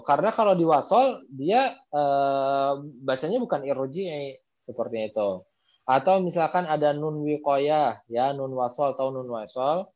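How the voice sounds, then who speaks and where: A man's voice: on the high side, darkish tone. A man teaching Quran recitation in an online class, casually explaining and repeating words aloud to model their pronunciation. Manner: loose explaining with frequent fillers. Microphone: video call. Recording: muffled video call audio.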